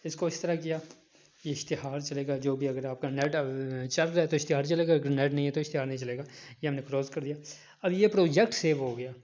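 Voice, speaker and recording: A man walks through a photo-editing app step by step, going back over each instruction. His voice sits a little high, and the recording sounds dull and lo-fi, like a phone mic. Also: fairly quick, darkish tone. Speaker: online teacher. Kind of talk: screen-recorded app tutorial.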